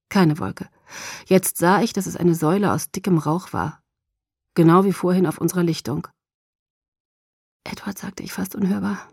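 A woman narrating a novel in the first person, softly, often near a whisper. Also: fairly low pitch, breathy edge, dry recording, studio quality. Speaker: audiobook narrator.

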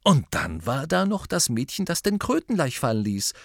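A man voicing an eager, impatient teenage boy in an audiobook, quick to argue and excitable. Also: mid-range voice, gravelly, no room sound, clean studio sound, pitched above the performer's own voice, exaggerated voice. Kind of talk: audiobook character voice.

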